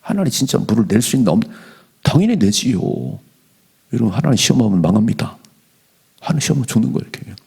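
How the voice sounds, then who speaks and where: A middle-aged male pastor giving an animated dawn prayer sermon in a church, slowing down whenever he reads scripture aloud. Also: medium pitch, vocal fry, husky. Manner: animated preaching, slows to read scripture aloud. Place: church sanctuary.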